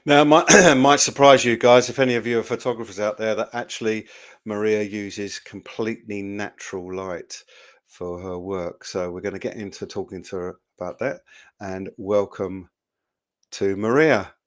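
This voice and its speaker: A fairly low-voiced man hosting a relaxed online interview. He talks in a chatty, joking way, filling pauses with ums and restarting sentences as he goes. It sounds like a video call. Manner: chatty, jokey, with frequent fillers. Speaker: interview host.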